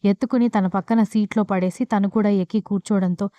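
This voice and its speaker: Fast-reading woman storyteller. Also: medium pitch, steady tone, dark tone, dry recording. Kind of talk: scripted audio story narration.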